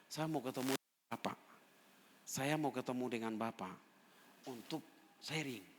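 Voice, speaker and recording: Preacher doing a shy apologetic guy asking quietly, echoey church. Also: mid-range voice, measured pace, noisy background, natural voice. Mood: polite, hesitant. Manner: hesitant, polite asking. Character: humble, apologetic male newcomer. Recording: church hall reverb.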